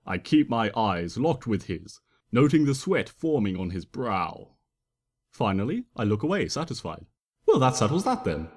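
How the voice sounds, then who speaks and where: A man with a medium-pitched, somewhat dark voice swings widely in pitch as he reads his first-person fan fiction at a moderate pace. His delivery is dramatic and playfully theatrical in a trickster vein, and the room's reverb leaves a long tail.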